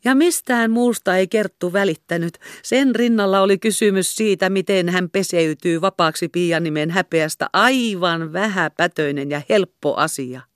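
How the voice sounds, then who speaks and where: A woman reading a classic novel aloud in steady, measured audiobook narration. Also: lowish voice, no room sound, clean studio sound. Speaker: audiobook reader. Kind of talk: scripted narration.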